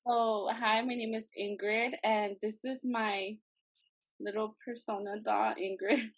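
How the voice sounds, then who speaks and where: A woman's voice: fairly high pitch, little pitch movement, measured pace, no echo, low-quality recording. Casual, chatty woman student presenter; dry, close recording. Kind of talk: class presentation.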